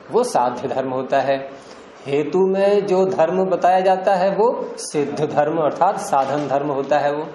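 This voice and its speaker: Older male teacher, slightly high voice, slow explanations, questions to students, echoey room, faint noise. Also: darkish tone. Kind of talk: classroom lecture on Indian philosophy and grammar. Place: classroom.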